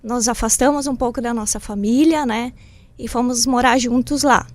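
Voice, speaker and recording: A woman's voice: fairly high pitch, fairly even intonation, moderate pace, dry recording. A woman from southern Brazil, a shop owner interviewed in a radio studio, telling her story in a plain, simple way with frequent tag questions.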